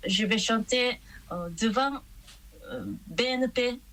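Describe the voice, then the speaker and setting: A woman's voice: fairly high pitch, slow, fairly bright tone. A woman speaking French with a Japanese accent, a guest singer in a radio interview, hesitant with many fillers and a slight cold.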